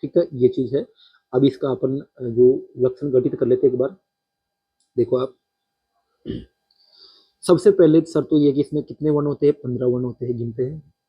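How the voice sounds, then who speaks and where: A man teaching a poetry-meter lesson, counting syllables aloud slowly and speaking directly to his students. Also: mid-range voice, steady tone, slightly rough, highs cut off.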